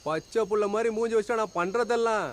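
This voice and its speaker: A man's voice: high-pitched, brisk, slight background noise, close to an everyday voice. An actor dubbing a brash young man who talks in a sarcastic, taunting way. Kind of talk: dubbed film acting.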